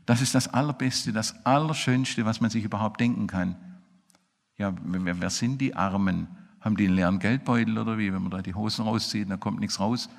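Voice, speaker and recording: A man preaching a sermon in a church, emphatic, swinging between loud outbursts and low murmurs. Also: fairly even intonation, fairly quick, gravelly. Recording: echoey hall reverb.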